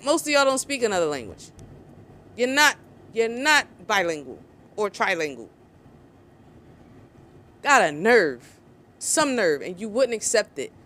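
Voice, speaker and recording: A woman's voice: a little high, a bit bright. A woman vlogger, giving angry, sarcastic opinion commentary. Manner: heated, sarcastic, mocks others in put-on voices.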